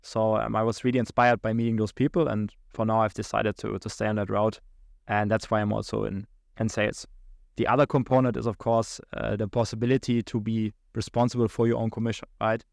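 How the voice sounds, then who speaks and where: Speaking with a fairly low, flat, slightly mellow voice full of vocal fry, this young German-accented account executive recounts his career as a podcast guest. He halts, restarts and uses lots of fillers, laughing between thoughts, in a clean studio recording with no echo.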